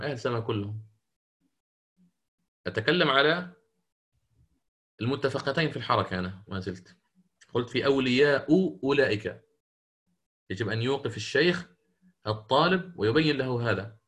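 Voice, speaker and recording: A man's voice: medium pitch, fairly bright tone. A man teaching Quran recitation rules in an interactive lesson, questioning students and correcting their answers.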